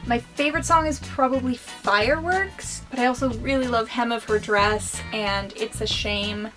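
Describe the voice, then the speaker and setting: A woman's voice: fairly high pitch, moderate pace, over music. A young woman vlogging about her favorite things in a bubbly, enthusiastic, chatty way. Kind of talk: casual favorites vlog.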